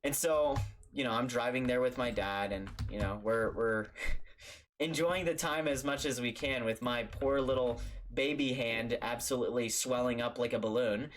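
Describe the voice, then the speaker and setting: A man's voice: mid-range voice, moderate pace, a little hiss or hum. A young man telling a childhood story for a storytime vlog, rambling and stammering with lots of fillers.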